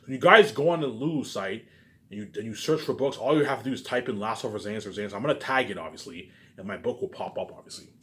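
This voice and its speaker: An animated Canadian vlogger, his voice fairly low and fairly bright, rambles informally to his viewers and keeps repeating himself. His delivery is halting with habitual trailing tags, and loud profane bursts give way to muttered asides.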